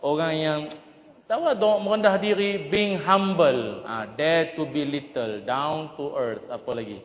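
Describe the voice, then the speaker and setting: A male preacher delivers a joking, animated sermon in a fairly high voice, slipping into the voices of the people in his stories. He is recorded in a large mosque hall, and his words ring out with a roomy, long reverb. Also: measured pace. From Kedah, Malaysia. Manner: jokey, animated, acts out characters. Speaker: religious preacher.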